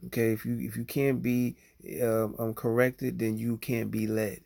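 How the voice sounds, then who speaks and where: A man speaking at a middle pitch with a gravelly, creaky edge to his voice. He talks straight to his viewers in a loose, rambling way, full of fillers and restarts, and keeps checking in with "you know what I'm saying?". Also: little pitch movement, moderate pace, darkish tone. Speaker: livestreamer. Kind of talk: casual livestream monologue.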